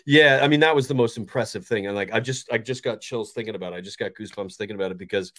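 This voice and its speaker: Racing along in a lowish, slightly bright voice, this fan channel host in his forties gives an excited, casual post-match chat from a bright bedroom indoors. The sound is clean studio quality with no echo, and his talk rambles with frequent restarts.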